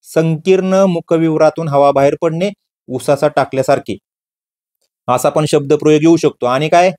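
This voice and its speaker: A man leads an exam-prep grammar lesson. His voice sits a little high, and he drills each definition by asking a question and answering it himself, repeating the key words. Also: steady tone, moderate pace, a little mellow. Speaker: teacher.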